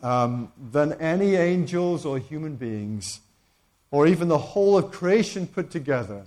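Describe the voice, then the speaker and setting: A man's voice: a little high, lively intonation, a little slow, a little mellow. A man preaching a sermon, emphatic, repeating key phrases and often restarting his sentences.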